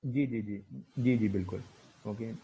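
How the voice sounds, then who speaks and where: A man giving a phonetics lecture, hesitant, filling pauses with "okay" and slowly demonstrating sounds. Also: fairly low pitch, dark tone, breathy edge. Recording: muffled lo-fi recording.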